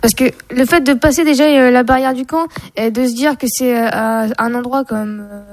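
A woman speaks in a casual discussion with a somewhat high voice, recorded dry and close. She hesitates often, filling pauses as she looks for words. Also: steady tone, dry recording. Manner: hesitant, many fillers.

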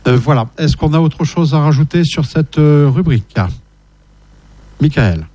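Dark-voiced hesitant male host. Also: a little high, measured pace. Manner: hesitant, many fillers and restarts. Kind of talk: casual radio discussion. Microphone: shared microphone.

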